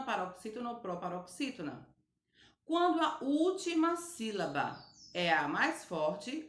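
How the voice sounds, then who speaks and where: A woman teacher giving a recorded grammar lesson to children, slowly and patiently spelling out each word. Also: mid-range voice, fairly bright tone, reverberant. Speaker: primary school teacher.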